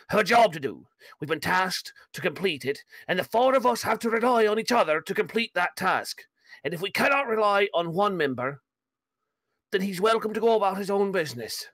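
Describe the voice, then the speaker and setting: A man's voice: sits high, bright, forceful tone, no echo, heavily acted. A man voicing an earnest, stubborn dwarf fighter in a tabletop game, speaking emphatically and repeating himself like an orator.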